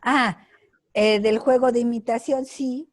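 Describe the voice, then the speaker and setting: An older woman giving a lecture over a video call, answering students' questions in a slow, deliberate way with many fillers and tag questions. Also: a little high, fairly even intonation.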